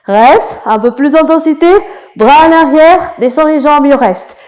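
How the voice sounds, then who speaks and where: A woman coaching an ab workout, her voice sitting a little high. She talks in an unhurried way, giving short cues and counting reps with encouragement. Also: darkish tone. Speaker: fitness coach. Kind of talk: guided workout instruction.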